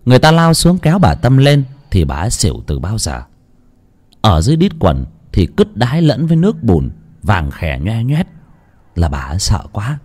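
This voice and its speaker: A man's voice: on the low side, huge pitch swings, normal speed, a little mellow. A man narrating a ghost story in a dramatic, vivid way.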